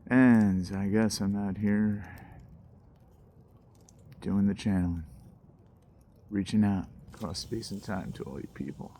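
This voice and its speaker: A man's voice: on the low side, takes it slowly, long pauses, warm tone, slight background noise. A man giving a casual, rambling fireside monologue to viewers in slangy, musing talk, recorded outdoors by a campfire. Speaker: host.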